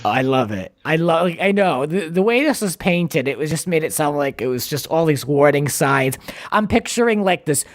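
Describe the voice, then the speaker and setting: A man hosts his podcast in loose, rambling chat, sprinkling in fillers and chuckles. His voice sits a bit higher than most men's. The sound is dry and close with no room echo. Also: animated, normal speed. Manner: chatty, filler-heavy, laughing along. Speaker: podcast host. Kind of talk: casual chat.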